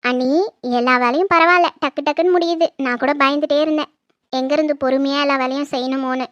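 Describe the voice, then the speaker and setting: A high, light voice in homely family chatter, acting out one relative after another. The recording is close and dry, with no room sound. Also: fairly even intonation, fast talker, fairly bright tone, dry recording, muffled recording. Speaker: creator acting every family role. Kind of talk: comedy skit acting.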